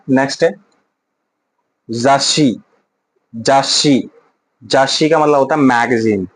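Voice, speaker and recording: A man teaching Japanese vocabulary in a casual lesson, repeating example sentences slowly and loudly. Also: mid-range voice, rough recording.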